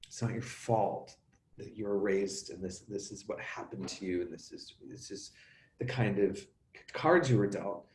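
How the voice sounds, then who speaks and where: A middle-aged man talking openly as an interview guest, animated and halting, often restarting and acting out sounds. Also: fairly low pitch, reverberant, a little hiss or hum. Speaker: actor and coach, interview guest. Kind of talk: emotional conversational interview.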